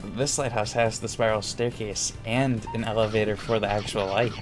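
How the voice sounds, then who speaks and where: A man hosting a let's play with casual game commentary, dry and laconic with deadpan quips. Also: fairly low pitch, moderate pace. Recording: game music playing behind.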